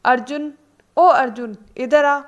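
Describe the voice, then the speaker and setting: A woman voicing a stern, quick-tempered older mother-in-law who scolds loudly. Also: high voice, dull audio. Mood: angry. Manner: scolding, loud.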